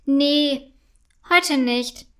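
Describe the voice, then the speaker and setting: A woman voicing a young schoolgirl in a children's storybook, in a gently read character voice. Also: sits high, extremely slow, heavily acted. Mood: glum. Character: unhappy young schoolgirl, sulky then cheerful.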